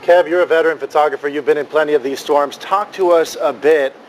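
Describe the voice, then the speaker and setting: A man's voice: on the high side, fairly even intonation, fast, slight background noise, rough recording. A man anchoring live breaking news, questioning reporters and describing pictures for the audience.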